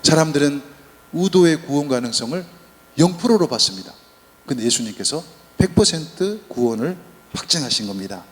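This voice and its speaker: A male priest giving a Lenten sermon in a church, telling stories with humor. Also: medium pitch. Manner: lively, humorous storytelling. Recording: long church reverb.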